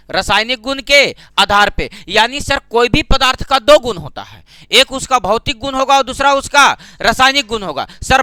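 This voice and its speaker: A man's voice: very high-pitched, sharp tone, smooth, dry recording. A man teaching an exam-prep lesson, who asks his own questions and answers them, repeating key terms. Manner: calls students "sir" and "babu". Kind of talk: exam-prep classroom lecture.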